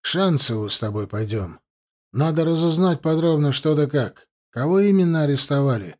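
A grave, stern middle-aged factory boss with a mellow, low-key voice, as a man reads his lines. He speaks in measured, serious tones in an audiobook. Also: lively intonation, close to an everyday voice.

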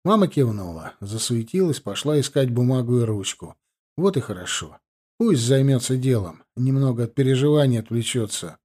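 A man reading an audiobook aloud in a steady, measured narration. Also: mid-range voice, slightly rough. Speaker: audiobook reader.

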